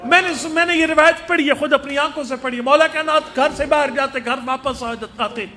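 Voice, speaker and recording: A man's voice: extremely high pitch, fairly even intonation, sharp tone. A man with a Punjabi-tinged Urdu accent delivering a mourning sermon at a mosque gathering, chanting and wailing as he speaks. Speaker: Shia orator. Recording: crowd and noise from a live gathering.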